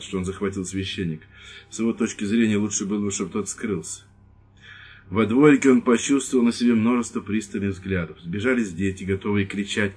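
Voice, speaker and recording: A man reading an audiobook chapter in measured scripted narration. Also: lowish voice, a little mellow, breathy edge.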